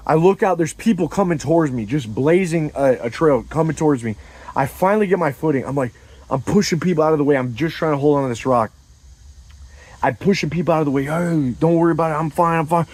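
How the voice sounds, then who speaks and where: A man telling a comedic story in casual chat, animated and profane, acting out scenes with sound effects and quoted lines. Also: a little high, fast talker, rough recording.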